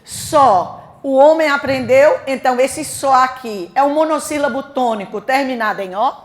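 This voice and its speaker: A woman with a Brazilian Portuguese accent leads a grammar lesson for exam candidates. Her voice sits a little high, and she talks quickly. She keeps throwing questions at the class and answering them herself. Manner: fast-talking, quizzes the class with questions and answers. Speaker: grammar teacher for exam prep.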